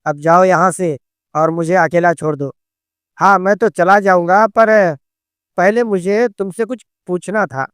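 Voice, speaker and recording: A man's voice: high voice, fairly even intonation, measured pace, fairly bright tone, smooth, no echo, studio quality. A man voicing a boastful young male cousin with a hero-like swagger, from a storybook narration. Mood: defensive.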